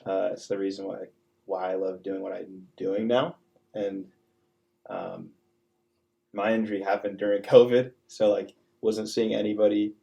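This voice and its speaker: A man's voice: lowish voice, flat delivery, a little slow, creaky, warm tone, muffled recording. A young man, a college student-athlete, talking earnestly in a casual podcast chat with many fillers. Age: young adult.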